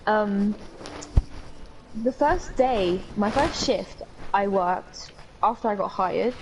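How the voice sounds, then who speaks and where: A young British woman co-hosts a podcast, telling rambling stories in casual chat with some swearing. Her medium-pitched voice is slow, and the background is noisy.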